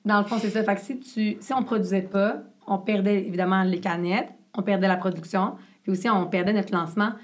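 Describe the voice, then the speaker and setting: A young woman with a Québécois French accent, a business co-founder telling her story in a casual interview with a rapid, animated, filler-heavy delivery. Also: medium pitch.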